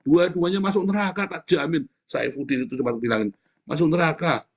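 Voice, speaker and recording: A man's voice: fairly high pitch, fairly quick, creaky, dull audio. A man preaching an informal sermon, joking and laughing as he addresses the congregation. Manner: animated, jokey, frequent laughing asides, addresses congregation as saudara.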